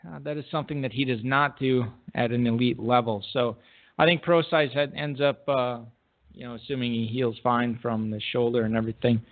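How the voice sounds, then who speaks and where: A man co-hosting a podcast, chatting casually and reading listener emails aloud with a relaxed, bantering manner. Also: mid-range voice, brisk. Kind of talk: casual chat. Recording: phone-like narrow sound.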